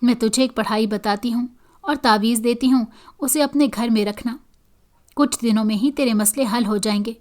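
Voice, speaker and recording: Woman reading as a calm, reassuring faith healer. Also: a little high, close to an everyday voice.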